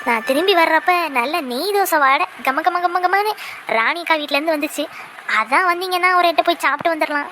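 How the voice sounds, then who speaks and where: A woman's voice: very high voice, fairly quick, noisy background. A woman voicing a greedy, gossipy village woman in a cartoon, chatty and scheming.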